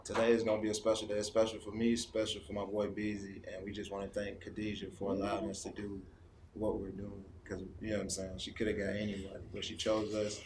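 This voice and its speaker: A man's voice: fairly low pitch, monotone, fast, background noise. Young man, casual host, easygoing, filler-heavy delivery. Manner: laid-back, keeps saying "you know what I'm saying". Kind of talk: casual interview talk. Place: small indoor studio set.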